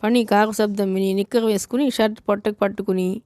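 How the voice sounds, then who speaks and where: A woman narrating a novel audiobook in a steady, measured reading voice. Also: medium pitch, dry recording, studio quality.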